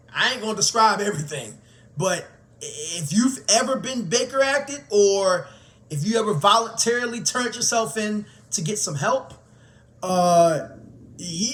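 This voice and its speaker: A man, a teacher candidly telling his own story in a conversational way. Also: high voice. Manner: candid, conversational, grows animated. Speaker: teacher and vlogger. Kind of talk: personal storytelling to camera.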